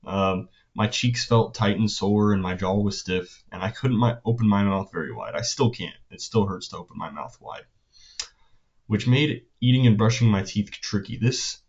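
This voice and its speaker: A teenage young man talking casually in a personal vlog, with a hesitant, halting delivery and phrases that trail off. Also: fairly low pitch, darkish tone. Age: teenager, about 16. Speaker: vlogger. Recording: dull, lo-fi sound.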